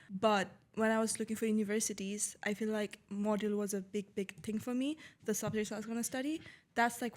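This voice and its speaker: A young woman from Nepal, a law student guest on a podcast, chatting casually with lots of "like" and "um" fillers. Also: medium pitch. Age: young adult. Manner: chatty, many "like" and "um" fillers, quick to laugh.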